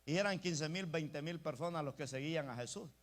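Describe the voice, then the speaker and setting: A man's voice: on the high side, fairly quick. A male pastor preaching an emphatic sermon, often calling out to the congregation as brothers. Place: church.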